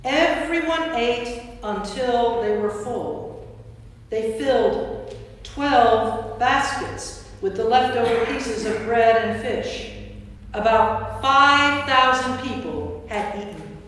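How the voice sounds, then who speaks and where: Taking her time, a woman with a higher, fairly bright voice narrates scripture in the role of narrator and priest for a staged reading. The recording comes from far back in a big church, so her words echo around the hall.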